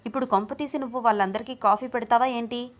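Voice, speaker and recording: A woman's voice: a little high, fairly even intonation, fast, natural voice. Woman reading as a teasing young husband. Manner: teasing, coaxing, calls his wife babe. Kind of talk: storybook reading.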